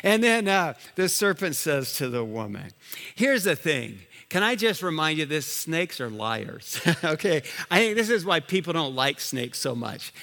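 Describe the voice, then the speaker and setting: Animated pastor preaching in a big hall. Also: male voice, a little high, measured pace, vocal fry. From Liberia. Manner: animated preaching with restarts and asides. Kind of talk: sermon.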